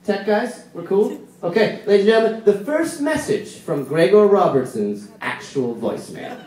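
Male stage host, lively comic announcing, very reverberant venue. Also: high voice, normal speed. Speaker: event host. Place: stage in a large indoor venue. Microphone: podium microphone, recorded from audience. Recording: very echoey hall, noisy audience, distant.

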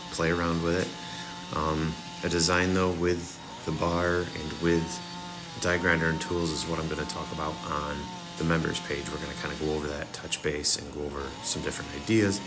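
A young man with a very deep voice does a casual tutorial voice-over on chainsaw carving, relaxed as he walks viewers through each cut step by step. He speaks at normal speed over music.

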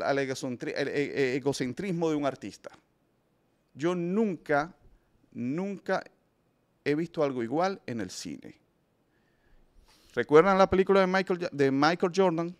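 A man with a slightly raised pitch delivers opinionated film commentary as a show host. He speaks emphatically and addresses his audience directly. He often stumbles and restarts mid-sentence. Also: clean tone.

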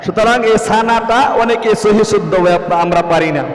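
Man, high pitch, earnest prayer teacher, long hall reverb. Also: fairly quick. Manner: earnest, coaxing, repeats phrases word by word. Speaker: religious teacher. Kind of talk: prayer recitation lesson. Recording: roomy echo with long reverb.

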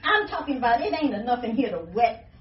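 A woman's voice: a little high, sing-song, quick pace, noisy background. Out-of-breath woman ranting and swearing. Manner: swearing constantly, laughing through anger. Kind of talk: profane exasperated rant. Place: indoors in a house. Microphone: phone held by someone filming her. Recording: roomy, distant, dull phone audio.

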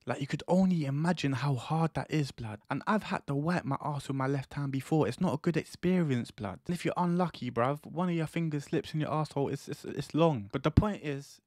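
A man's voice: a little high, darkish tone, no room sound. A man in his twenties with an East London roadman accent, telling a casual comic story in street slang with emphatic delivery into a close microphone. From East London, England. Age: 20s. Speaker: YouTube storyteller. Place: small indoor room. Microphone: close studio microphone on boom arm.

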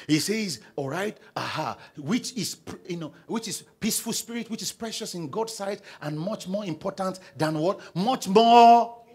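A young Nigerian pastor preaching from a church stage, his fairly high voice leaping up and down as he calls out to the congregation. The tone is a bit husky, and he swings between loud stressed lines and quiet asides while pacing with a handheld mic. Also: animated, moderate pace. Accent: Nigerian English. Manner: call-and-response preaching, prompting the congregation to read aloud. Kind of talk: sermon. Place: large church auditorium stage.

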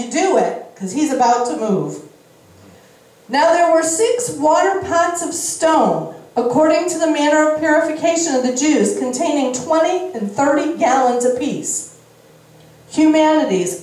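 A middle-aged woman preacher delivers a sermon on an indoor church stage, reading from the Bible and breaking in with explanations in deliberate, emphatic short phrases. Her voice sits high and a little mellow, spoken into a handheld microphone at a lectern. The room is very echoey, so she sounds slightly distant.

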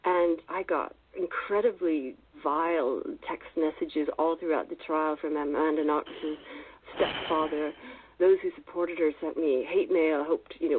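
A woman journalist in an interview clip, speaking earnestly and firmly. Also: sits low. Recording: husky, phone-like clip.

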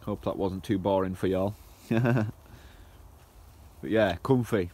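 Northern English man, casual outdoor vlogger, low-pitched, easygoing chat over light camp ambience. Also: slow, mellow, a little hiss or hum. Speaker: camping vlogger. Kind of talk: casual outdoor vlog narration. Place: outdoors at a woodland camp by a fire.

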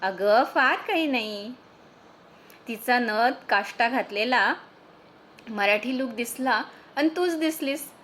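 A woman reading the part of a grown man who shyly admits an old college love, in a soft, hesitant, tender voice. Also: a little high, expressive, slow. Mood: tender, confessing. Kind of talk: storytelling reading.

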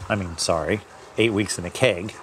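A man's voice: low-pitched, normal speed, soft background music. A man reviewing his own home-brewed beer in a casual tasting video, thinking aloud and correcting himself as he goes. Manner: describes aromas and flavors in detail.

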